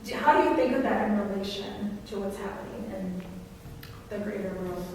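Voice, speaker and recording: A woman's voice: mid-range voice, normal speed. A woman moderating a panel and asking interview questions. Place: large reverberant room. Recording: very echoey hall, far from mic, faint noise.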